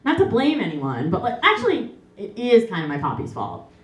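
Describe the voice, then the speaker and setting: A woman's voice: mid-range voice, wildly swooping pitch, brisk. A young woman performing a comic monologue in a stage musical, chatty and self-mocking, full of fillers. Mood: wry. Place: theater stage, live. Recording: roomy stage with faint music.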